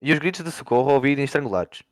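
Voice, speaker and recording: A man's voice: mid-range voice, expressive, very fast, no room sound. Teen boy reciting verse, dry sound. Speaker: student reading a poem. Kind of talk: school poetry reading.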